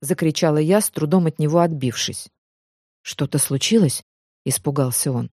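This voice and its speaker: A woman's voice: low-pitched, a little fast, slightly rough, no room sound, clean studio sound. A woman narrating an audiobook in the first person, acting out the dialogue expressively. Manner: expressive, emotional.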